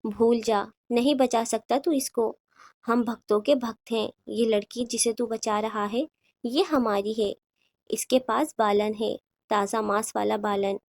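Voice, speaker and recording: A vile male sorcerer, read by a woman narrator in her own fairly high voice, taunting and threatening. The horror storybook recording is dry and close. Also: flat delivery, darkish tone, no echo, close to an everyday voice. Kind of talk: audiobook horror reading.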